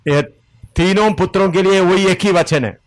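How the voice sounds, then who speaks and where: A man teaching a Bible study, slowly giving verse references, pausing as he writes and correcting himself. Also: high voice. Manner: deliberate, pauses while writing, self-correcting.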